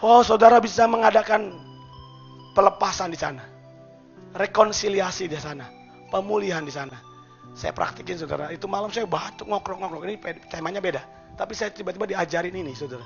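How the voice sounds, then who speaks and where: A man pastor preaching a sermon in a church, moving between loud calls to the congregation and soft, hushed passages. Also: sits high, a little fast, gravelly, lo-fi sound, soft background music.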